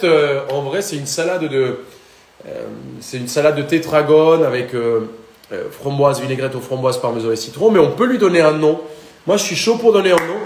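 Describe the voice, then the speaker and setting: Young Colombian-accented male chef, bit high-pitched, jokes with viewers live from a roomy kitchen. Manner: chatty and joking, talks to viewers. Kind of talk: live cooking demonstration.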